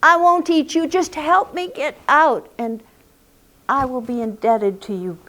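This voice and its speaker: A woman's voice: high-pitched, steady tone, measured pace, voice pushed up. A woman voicing a trapped male tiger, calling out in a growly, pleading voice during live storytelling. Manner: loud calling cries.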